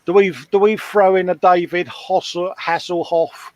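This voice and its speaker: A man's voice: high-pitched, measured pace, no echo. A man hosting a casual live stream, teasing a friend and reading out viewer comments. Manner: teasing and chuckling, relaxed.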